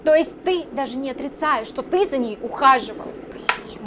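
An actress playing a jealous young girlfriend, sarcastic and accusing, then quiet. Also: high voice, expressive, moderate pace, noisy background. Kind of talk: short film acting.

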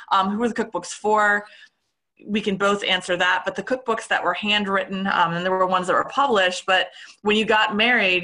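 Woman, moderator, lowish pitch, sharp bright tone, reads audience questions, filler-heavy.

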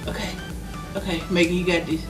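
A woman's voice: on the low side, flat delivery, fairly quick, recorded from a distance. An American woman in her thirties chatting casually and exclaiming expressively in a home kitchen. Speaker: challenge video co-host. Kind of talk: casual reactive chat. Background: music.

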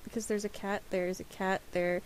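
A woman's voice: mid-range voice, flat delivery, moderate pace, slight background noise, poor audio. A woman hosting a casual crafting livestream, talking in a rambling, chatty way with frequent restarts. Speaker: livestream host. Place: home crafting stream.

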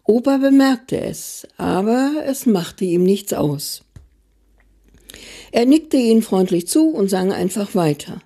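A woman author giving a calm, measured reading of her own story. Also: medium pitch. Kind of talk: literary reading.

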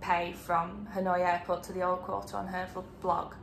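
A woman's voice: fairly low pitch, level tone, moderate pace, vocal fry. A British woman recounting a journey in a casual, conversational way on a travel vlog. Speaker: travel vlogger. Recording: roomy echo, faint background noise.

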